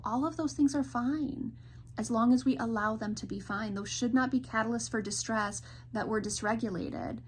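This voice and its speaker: A woman in her thirties, a licensed counselor, speaking earnestly and gently to camera in a reassuring reflective talk. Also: a little high, a little hiss or hum. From Michigan.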